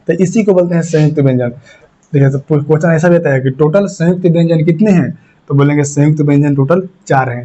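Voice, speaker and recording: A man's voice: on the high side, warm tone. A man teaching an exam-focused Hindi grammar lesson, repeating key points and quizzing his students. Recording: muffled lo-fi recording.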